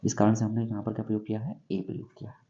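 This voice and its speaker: A man teaching English grammar in a classroom-style lesson, going slowly and asking himself questions before he answers them. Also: on the low side, lively intonation, vocal fry, warm tone, highs cut off. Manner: slow, repeats and quizzes himself with questions.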